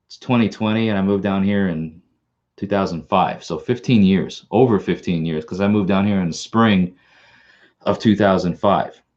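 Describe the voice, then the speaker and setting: Hosting a casual live stream, this man from Long Island, New York rambles in his Long Island accent, restarting often and repeating words. He has a deep, darkish voice at a moderate pace, and the highs are cut off.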